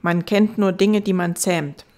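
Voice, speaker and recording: A woman voicing a gentle, wise fox in an audiobook, earnest and patient as it explains. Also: on the low side, fairly even intonation, measured pace, lightly acted.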